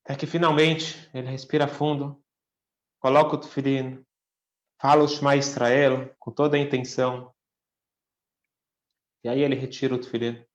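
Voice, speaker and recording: A man's voice: medium pitch, flat delivery, moderate pace, long pauses, lo-fi sound. A rabbi telling a story in a talk, raising his voice for the quoted lines. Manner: acts out the quoted lines with a lifted voice. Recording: echoey room.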